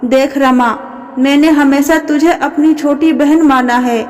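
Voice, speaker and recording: A woman voicing an elderly aunt-in-law who speaks in a measured, admonishing way. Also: high voice, steady tone, a little mellow. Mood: reproachful. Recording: long reverb.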